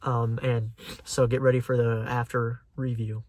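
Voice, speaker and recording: A young man hosting his own channel, chatting casually and excitedly as a fan with a rambling flow. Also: mid-range voice, a little slow. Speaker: channel host. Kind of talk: casual chat.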